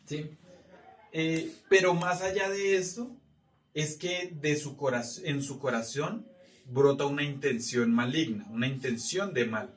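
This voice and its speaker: A man's voice: fairly high pitch, measured pace, roomy sound, far from the mic. A man teaching scripture to a small congregation, often asking the listeners if they follow. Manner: asks the room for agreement often. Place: church meeting room.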